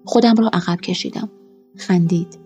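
Husky, mellow-voiced woman narrating. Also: lowish voice, muffled recording, faint music behind. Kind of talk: scripted narration of a first-person story.

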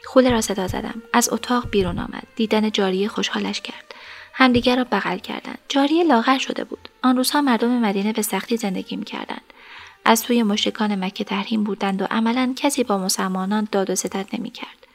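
A woman narrating a story in an even, measured voice. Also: mid-range voice, gravelly.

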